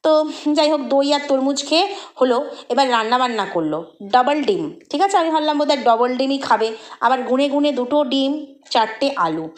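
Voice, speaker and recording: A woman's voice: sits high, expressive, normal speed. A woman giving a mocking, chatty gossip commentary about another vlogger, full of rhetorical questions.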